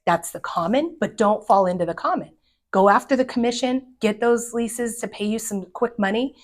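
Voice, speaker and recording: A middle-aged woman, a commercial real estate agent, giving direct and energetic advice to fellow agents. She often acts out the people she quotes. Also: on the high side, normal speed.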